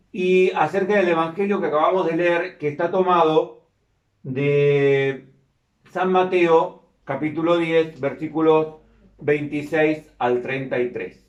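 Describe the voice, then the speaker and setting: Slow-speaking priest in cathedral-like echo. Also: male voice, a little high, highs cut off. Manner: slow, deliberate, measured phrasing. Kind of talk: solemn liturgical reading and homily. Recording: echoing cathedral-like church sound, distant microphone.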